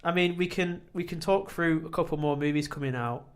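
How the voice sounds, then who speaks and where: A man co-hosting a casual chat podcast, rambling and self-deprecating, with sudden animated bursts. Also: fairly high pitch, fairly quick. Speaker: podcast co-host.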